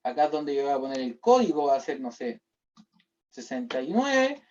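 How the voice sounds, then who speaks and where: A man's voice: medium pitch, very animated, moderate pace. A Chilean-accented man explaining a data-modeling class step by step, checking in with listeners after nearly every sentence. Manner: explanatory, with constant "¿ya?" and "¿cierto?" checks. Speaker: university lecturer. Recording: distant, dull lo-fi class recording.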